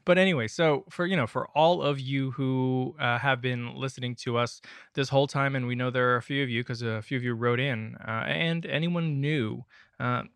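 A man's voice: mid-range voice, normal speed, fairly bright tone, smooth, no echo, clean studio sound. A man, co-hosting a gaming podcast with casual, conversational talk. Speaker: podcast co-host.

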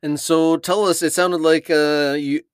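A man with a slightly high, clean voice hosts a sports podcast. He talks conversationally with hesitant phrasing. The sound is close and dry, recorded inside a little closet under the stairs. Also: flat delivery, measured pace, clear, resonant tone, no room sound. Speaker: podcast host.

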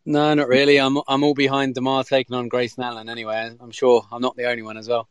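A man's voice: medium pitch, little pitch movement, fast talker, clear, resonant tone, dry recording. A man making casual chat as a podcast co-host.

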